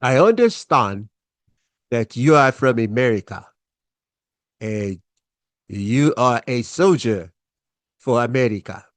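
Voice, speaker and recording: Man doing a strict older father, African accent, formal, measured, unhurried. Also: mid-range voice, animated, dry recording. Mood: stern.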